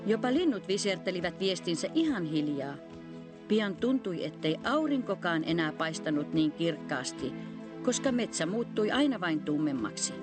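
A woman narrating a cartoon story in an expressive storybook manner. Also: fairly low pitch. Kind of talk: scripted narration. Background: faint music.

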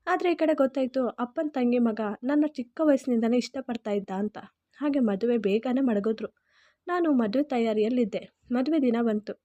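A woman's voice: a little high, mellow, dry recording, muffled recording. A woman narrating an emotional first-person story in Kannada-accented speech, earnest and heartfelt.

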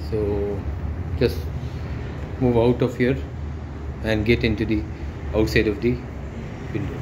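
Male tour narrator from India, halting and plain, recorded on a phone in a bare echoey flat with loud background hum. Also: lowish voice. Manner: plain, halting, pointing things out as he walks. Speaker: property tour guide. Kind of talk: walkthrough narration. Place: empty furnished flat, indoors. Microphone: handheld phone camera. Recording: echoey room with loud air-con and traffic hum.

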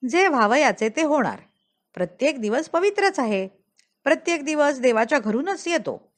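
A woman's voice: high-pitched, sing-song, moderate pace, pitched above the performer's own voice. A woman voicing a fearless, stubborn man in a storybook reading, firm and dismissive at first and pleading when cornered. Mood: defiant.

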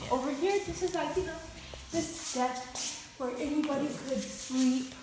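A woman's voice: high-pitched, moderate pace. A young woman filming a joking, mock-boastful tour of a house and backyard, giggling as she goes. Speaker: vlogger. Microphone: handheld phone camera. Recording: roomy phone audio with background noise.

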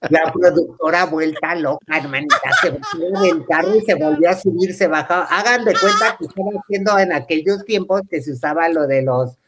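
A man's voice: a little high, fairly quick, hardly any pauses, heavy background noise. Camp Mexican man telling a comic story. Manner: camp, chatty, breaks into laughter, acts out the voices of the people he quotes. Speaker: comedic storyteller. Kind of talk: comic anecdote told to a live audience.

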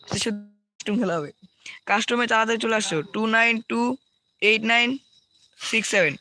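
Bright, gravelly Bangladeshi streamer man. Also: sits high, normal speed. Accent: Bangladeshi Bengali. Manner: reads viewer names and repeats team codes to the chat. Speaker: game live streamer. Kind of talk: live gaming stream chat.

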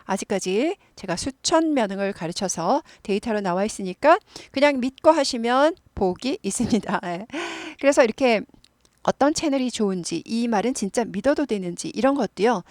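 A middle-aged woman hosting an English lesson, explaining phrases and drilling pronunciation in a lively, repetitive way. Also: a little high, moderate pace, dry recording, clean studio sound. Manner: lively, repeats words for drill practice. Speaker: English teacher, channel host.

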